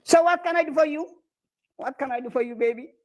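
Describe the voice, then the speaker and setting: A man's voice: extremely high pitch, quick pace, a little mellow. A man with an Eritrean accent speaking broken English, playfully flirting and boasting as a comedian on a video chat. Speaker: comedian prank-chatting.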